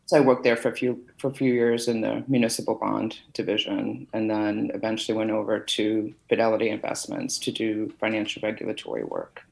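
A woman's voice: a bass voice, steady tone, brisk, gravelly, few pauses, a little mellow, poor audio. A middle-aged woman from Massachusetts, a podcast guest telling her career story in a chatty way with many fillers. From Massachusetts, USA. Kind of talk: conversational interview.

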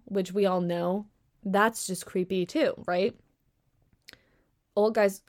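A young woman hosting a solo podcast, ranting in a sarcastic, animated way with slang and bursts of laughter. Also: mid-range voice. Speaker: podcast host. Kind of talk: casual solo podcast commentary.

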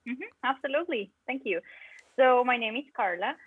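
A chatty young Costa Rican woman, a native Spanish speaker and music education PhD student, guests on a podcast for a casual, emphatic interview. Her slightly high voice is lively with a breathy edge at normal speed, heard in phone-quality sound with no room ambience.

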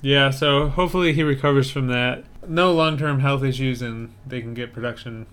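Laid-back male podcast co-host with a smooth, clear voice and dry humor. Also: medium pitch, normal speed, fairly bright tone. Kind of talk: casual chat. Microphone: remote video call.

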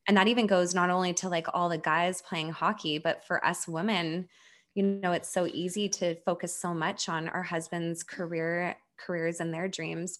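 A woman's voice: fairly low pitch, a bit bright. A woman in her thirties, a hockey player's wife, speaking earnestly and encouragingly as a podcast guest, often saying "like". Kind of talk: conversational interview.

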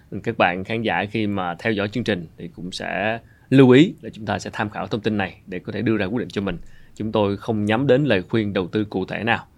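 A man's voice: lowish voice, no echo. A man hosting a podcast, introducing the show and moderating the discussion. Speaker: podcast host.

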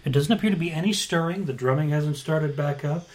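A man running a tabletop game as game master, improvising scene descriptions in a halting way, rephrasing as he goes. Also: fairly high pitch.

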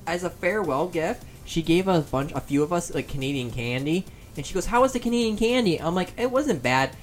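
A man's voice: fairly high pitch, lively intonation, brisk. A man co-hosting a casual podcast chat, joking around and slipping into silly voices. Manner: jokey, puts on silly voices. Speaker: podcast co-host.

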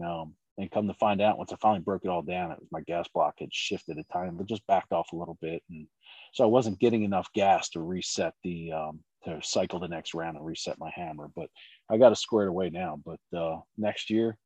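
A man's voice: low voice, a little mellow, breathy edge, dry recording, low-quality recording. A middle-aged man from Maryland who shoots in competitions, chatting casually and rambling with lots of fillers. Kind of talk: casual chat.

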